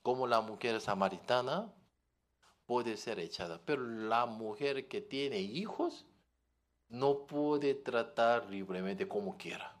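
A man preaching a sermon, often asking the congregation questions and telling lively everyday stories. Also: mid-range voice, takes it slowly. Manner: questioning the audience, animated storytelling.

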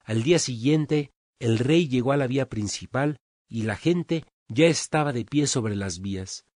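A man's voice: medium pitch, a little slow, a little mellow, dry recording, clean studio sound. A man preaching a sermon, telling a story in an earnest, emphatic way.

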